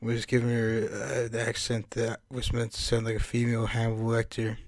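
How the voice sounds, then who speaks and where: A man's voice: medium pitch, monotone, fairly quick, no room sound. A young American man reading a visual novel aloud with jokey, rambling asides. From United States. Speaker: let's player.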